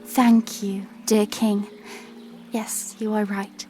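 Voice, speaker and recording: A woman's voice: medium pitch, level tone, slow, darkish tone, soft background music, lightly acted. A woman playing a gracious, teasing young princess in a fantasy audio drama, speaking in a refined, playful way. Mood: gracious, formal.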